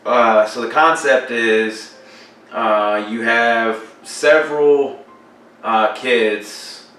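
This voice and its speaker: Speaking extremely slowly in a mid-range voice that sounds pushed and bright, this young podcast co-host chats loosely about horror movies. His talk wanders, is packed with fillers and curses, and comes from an echoey room, distant from the mic, with music faintly audible.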